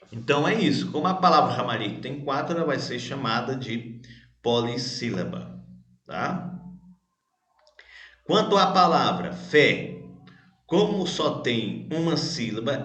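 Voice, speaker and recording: In an echoey room, a man teacher with a medium, slightly bright voice patiently corrects a children's grammar worksheet. He asks questions and answers them himself, spelling out syllables slowly.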